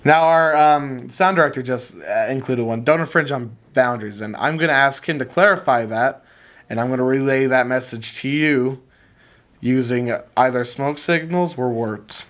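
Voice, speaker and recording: A teenage boy co-hosting a student podcast in casual chat, rambling and jokey, with sudden jumps in pitch. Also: moderate pace, a bit bright. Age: late teens.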